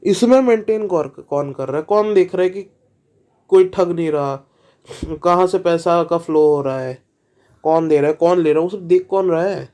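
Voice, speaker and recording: A man's voice: a little high, normal speed, darkish tone. A man hosting a reaction video, talking casually and skeptically, asking questions with lots of fillers and restarts.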